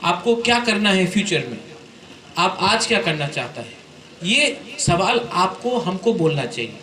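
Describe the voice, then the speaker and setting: A man's voice: high-pitched, very animated, unhurried, bright, forceful tone, a little hiss or hum. A man giving an impassioned public speech to students, exhorting them and mixing in English phrases, then taking questions. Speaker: community leader addressing students. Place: hall with students. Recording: echoey hall.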